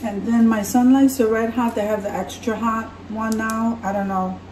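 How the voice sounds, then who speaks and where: Her voice is fairly high and her pace moderate as this vlogger chats through a grocery haul, unpacking and displaying items in her home kitchen. She stays relaxed and chatty, correcting herself as she talks. The camera is far away across the counter, so the recording is echoey with background noise.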